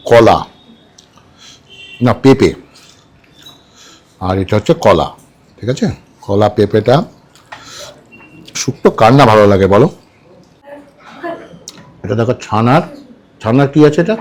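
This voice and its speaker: A man's voice: mid-range voice, a little mellow. A man chatting casually at a restaurant table as a food vlogger, repeating dish names and checking in with viewers. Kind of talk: casual food vlog chat.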